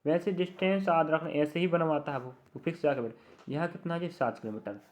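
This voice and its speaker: A man's voice: a little high, fairly quick, darkish tone. A young adult man teaching a reasoning lesson for exam students, talking to them directly, repeating key words and reassuring them.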